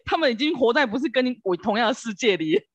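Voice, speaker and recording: Lively, high-voiced Taiwanese woman. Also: fast talker, husky, no echo, lo-fi sound. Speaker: podcast speaker. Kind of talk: casual chat.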